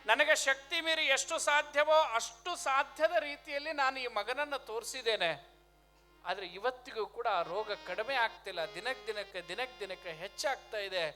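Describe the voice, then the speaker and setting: Preacher doing a desperate father with a lilt, begging a holy man to save his only son, still high and bright. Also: moderate pace, soft background music. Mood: pleading.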